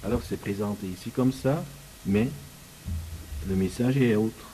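A man reading book passages aloud and commenting on them, often halting to search for words. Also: lowish voice, mellow, slightly rough, low-quality recording.

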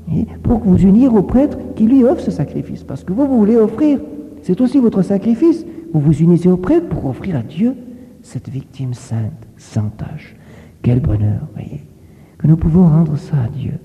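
A fairly high-voiced man preaches a catechism lesson, his pitch rising and falling in a lively, coaxing way. He keeps checking that his listeners follow. The sound is a long hall echo squeezed through a thin, phone-like band. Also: moderate pace. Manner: gentle, coaxing, keeps asking "voyez?". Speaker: priest teaching children. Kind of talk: catechism sermon with storytelling. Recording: echoey hall on a tinny phone-like line.

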